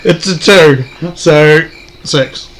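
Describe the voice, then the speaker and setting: A man with a fairly high voice talks casually as a tabletop game player. Clear noise runs behind the voice. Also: extremely slow, a bit bright. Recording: very noisy tabletop recording.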